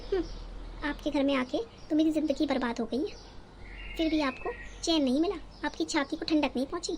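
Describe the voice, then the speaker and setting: A woman's voice: sits high, fairly quick, darkish tone, slight background noise. A woman voicing a quarrelsome, resentful young wife in a cartoon story, scolding and sarcastic. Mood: angry.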